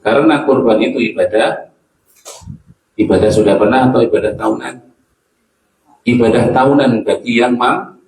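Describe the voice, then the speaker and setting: A male preacher with a Javanese accent delivers an earnest sermon at a slow, deliberate pace and often puts questions to his listeners. His voice sits low. The sound is roomy and echoing, picked up from some distance. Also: darkish tone. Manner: earnest, mixing in local phrases, asks the audience questions. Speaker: Islamic preacher. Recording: echoey hall, mic at a distance.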